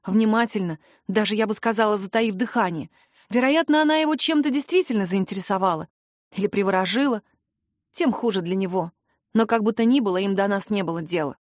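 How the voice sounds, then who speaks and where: A woman narrating a first-person novel in a lively, expressive storytelling manner. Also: medium pitch, fairly quick, no room sound, clean studio sound. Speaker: audiobook narrator.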